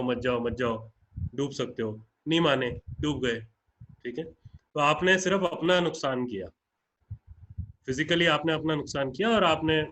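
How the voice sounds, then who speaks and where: A man's voice: fairly high pitch, a bit bright, rough recording. Indian man, founder addressing partners, earnest and plain-spoken, video-call sound with faint hiss. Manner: earnest, plain-spoken, mixing in English phrases. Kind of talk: online webinar talk.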